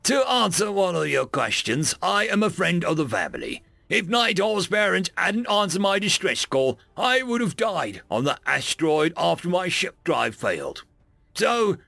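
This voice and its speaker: A cold, mysterious hooded avenger, calm and cutting, as a male narrator puts the figure on. The voice sits raised and gravelly, with lively swings of pitch in a dry, close reading. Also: dry recording, full character voice.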